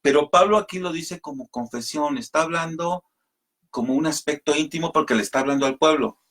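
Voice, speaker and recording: A man teaches a Bible study over the radio, patient and explanatory. His voice sits somewhat high for a man. He reads passages of scripture aloud and addresses his listeners as brothers. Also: fairly quick, a bit bright. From Mexico.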